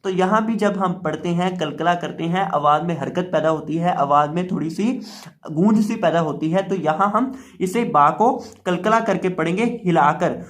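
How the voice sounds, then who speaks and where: Man, high voice, Quran teacher, tajweed lesson, patient explanations, repeated examples, slow chanted demonstrations.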